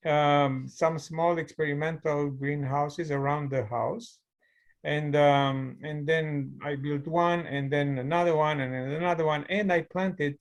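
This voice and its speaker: Slightly high and creaky, the voice belongs to a middle-aged man from Romania who speaks with a Romanian accent. He is a mechanical engineer appearing as an interview guest over a video call, recounting his story thoughtfully with light laughs in a conversational style.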